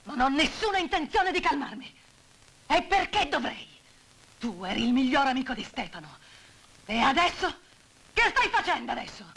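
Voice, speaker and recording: An actress playing a frightened, furious young widow in a dubbed film drama, shouting in anguish and then trembling with tears. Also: female voice, sits high, big pitch swings, moderate pace, creaky, long pauses, full character voice. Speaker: widow of a murdered man.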